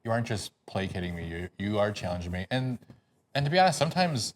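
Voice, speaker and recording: A man co-hosting a podcast as its producer, giving short supportive replies and talking with halting restarts. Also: lowish voice, big pitch swings, background noise. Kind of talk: casual podcast conversation.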